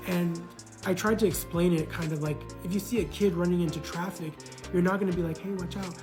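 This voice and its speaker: A man's voice: high voice, fairly even intonation, fairly quick, over music. Earnest man reflecting on his marriage. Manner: earnest, repeats words, many "you know" fillers. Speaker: man recounting his divorce. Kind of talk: casual reflective monologue.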